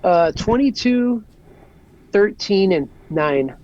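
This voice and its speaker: A man's voice: sits high, lively intonation, slow pace, darkish tone, lo-fi sound, a little hiss or hum. A man in his forties from Southern California, a guest chatting casually and rambling easily with lots of "like". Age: 40s. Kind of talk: casual podcast chat.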